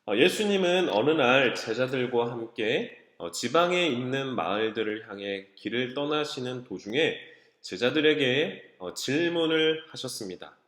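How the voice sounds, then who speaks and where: A man giving a children's sermon, telling the story slowly with emphatic exclamations, recorded in a church. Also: medium pitch, animated, fairly bright tone. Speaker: children's ministry preacher. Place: church sanctuary. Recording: echoey church hall.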